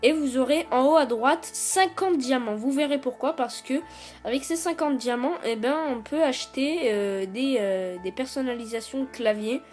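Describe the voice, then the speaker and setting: A woman with a fairly high voice explains a phone setup in a loose, casual tutorial. She hesitates often, filling gaps with little sounds and restarting phrases. Faint music plays underneath. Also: moderate pace, darkish tone. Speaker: YouTube tutorial host. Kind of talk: casual screen-recorded tutorial.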